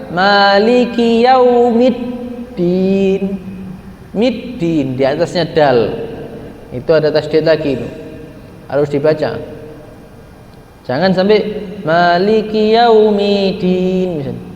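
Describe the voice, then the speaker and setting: A man leads a religious study session, his slightly high voice carrying through a roomy, echoing hall. He keeps asking rhetorical questions and then stretches out sacred words slowly to show how they should be recited. A faint background hum sits under the recording. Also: darkish tone, dull audio. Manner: asks rhetorical questions, slowly chants Quran words as examples. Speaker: religious teacher. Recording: echoey hall with faint ambience.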